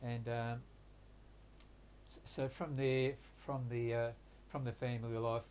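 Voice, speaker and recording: This is a reflective life-story interview in which an older man recounts his life. He is in his sixties, Hungarian by birth and first language, and grew up in Australia. His flat, even, medium-pitched voice is halting, full of hesitations, pauses and restarts, over a faint hiss or hum.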